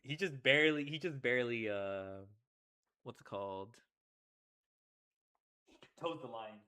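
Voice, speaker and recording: A young man chatting casually while streaming a game, relaxed and rambling, laughing often. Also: medium pitch, a little slow, clear, resonant tone. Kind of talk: casual gameplay chat.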